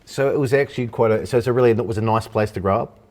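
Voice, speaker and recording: A man hosting a casual interview, often repeating and restarting his words and answering with quick yeahs. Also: medium pitch, darkish tone. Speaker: interview host.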